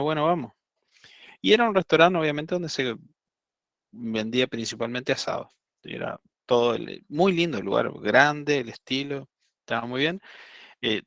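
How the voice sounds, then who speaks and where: Male teacher, Argentine accent, gravelly voice, loose rambling storyteller, dry close sound. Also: medium pitch, a bit bright, dry recording. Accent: Argentine Spanish. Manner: chatty storytelling with many fillers and restarts. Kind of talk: casual anecdote in an online class.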